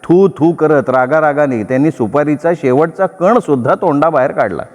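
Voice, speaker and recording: A man telling a story aloud in a lively, expressive narrating style. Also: fairly high pitch, normal speed. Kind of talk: dramatic story reading. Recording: long reverb.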